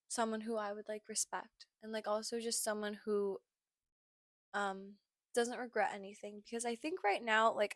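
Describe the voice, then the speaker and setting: A young woman hosting a personal podcast, reflecting in a halting, tired way with many filler words and apologies. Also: mid-range voice, a bit bright, no room sound, clean studio sound. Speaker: podcast host.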